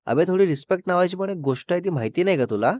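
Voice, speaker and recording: A man's voice: high-pitched, lively intonation, very fast, darkish tone, dry recording, pitched above the performer's own voice. Blunt, protective young male friend, voiced by a male narrator; scolding, dull dry audio. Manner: scolding, threatening.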